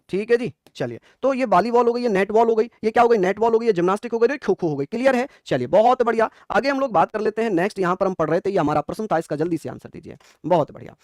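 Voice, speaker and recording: High-voiced male quiz teacher. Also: no room sound, clean studio sound. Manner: coaxing, repeats questions and praises often. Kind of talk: exam quiz lesson.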